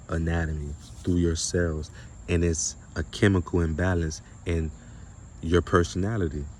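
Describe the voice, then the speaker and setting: A spiritual content creator and speaker delivers an informal monologue full of slang and some swearing, repeating himself emphatically and often asking rhetorical questions. His voice is low, with slight background noise.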